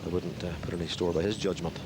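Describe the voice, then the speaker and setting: Low-voiced male golf commentator, noisy background. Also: fairly even intonation, fast talker. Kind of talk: live television golf commentary.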